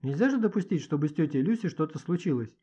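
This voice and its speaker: A man's voice: fairly high pitch, animated, fast, warm tone, husky. A man reading an audiobook and voicing an earnest, somewhat hesitant teenage boy. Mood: thoughtful. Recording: dull lo-fi audiobook recording.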